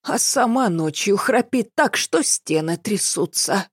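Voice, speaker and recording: Weak, tired patient with a bandaged head, complaining quietly, read by a woman. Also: medium pitch, a little slow, dry recording, studio quality, natural voice.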